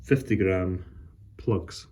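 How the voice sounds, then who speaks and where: A man chatting casually as a solo vlog host, with an unhurried, rambling and halting delivery. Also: deep voice, mellow. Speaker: host of a pipe tobacco vlog. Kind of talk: casual solo chat to camera.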